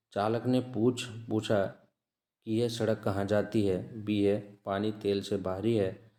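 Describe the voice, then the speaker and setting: A man teaching as an exam-prep tutor, reading out test questions, then repeating each answer in a measured way. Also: fairly low pitch, dark tone, echoey room. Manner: measured, repeats answers with frequent "ठीक है" checks.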